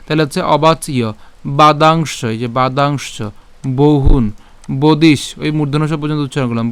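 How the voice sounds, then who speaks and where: A man teaching a Sanskrit verse syllable by syllable. He asks questions and answers them himself, repeating each sound slowly. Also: medium pitch, smooth, no echo. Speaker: Gita recitation teacher. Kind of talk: slow syllable-by-syllable Sanskrit pronunciation lesson.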